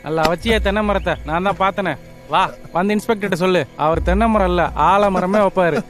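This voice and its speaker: An actor playing a sarcastic police constable bossing a suspect around. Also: male voice, sits high, steady tone, fast talker, faint music behind, close to an everyday voice. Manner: sarcastic, bossy.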